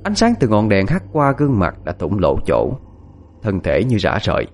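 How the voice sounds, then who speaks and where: A man narrating a first-person ghost story in a hushed, suspenseful, expressive way. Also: on the low side, moderate pace.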